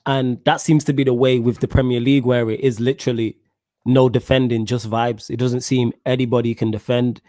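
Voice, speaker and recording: Give the voice of a male podcast host with a London roadman accent and plenty of street slang. He chats casually about football in a mid-pitched voice. The sound is dry, with very little room echo. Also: darkish tone. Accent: London, roadman-style street slang. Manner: slangy street talk, addressing listeners and co-host.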